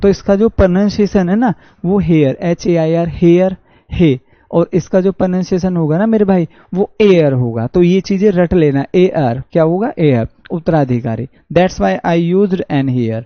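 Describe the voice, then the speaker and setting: A man with a Haryanvi accent teaching an online exam-prep English class, reading sentences slowly and answering his own questions. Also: high-pitched, dry recording. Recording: dull dry lo-fi audio.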